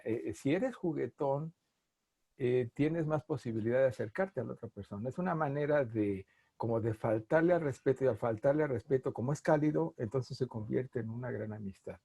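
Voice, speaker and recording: A middle-aged man with a Mexican accent, a linguist being interviewed, talking in a playful, animated way. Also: mid-range voice, vocal fry, husky, no echo, clean studio sound. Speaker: linguist guest. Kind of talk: conversational interview.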